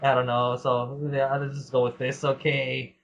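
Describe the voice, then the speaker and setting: A man's voice: mid-range voice, little pitch movement, moderate pace, a bit bright, a little hiss or hum. A man hosting a casual podcast Q&A, rambling and laughing as he reads out listener questions. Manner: rambling, laughs often, swears. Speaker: podcast host. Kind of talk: casual Q&A chat. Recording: dull lo-fi sound.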